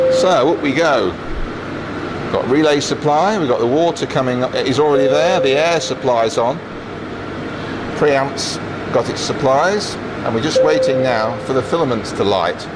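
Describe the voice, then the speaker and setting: A man with an animated, medium-pitched voice takes an unhurried pace and pauses often as he gives a casual engineering tour, operating and explaining equipment matter-of-factly with dry asides. It's indoors in a transmitter hall, with machinery and air-cooling noise clearly heard.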